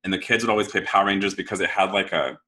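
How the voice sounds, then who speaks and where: A man's voice: deep voice, steady tone, racing, pushed and bright. A man around thirty from Southern California telling a rambling, self-deprecating childhood story on a podcast. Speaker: podcast co-speaker.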